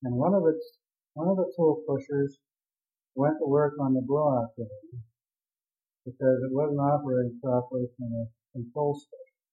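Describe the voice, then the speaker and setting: Rambling old sea captain, tinny audio. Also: male voice, mid-range voice, fairly even intonation, moderate pace. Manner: vivid, rambling storyteller. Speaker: former drilling ship captain. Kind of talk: oral history storytelling.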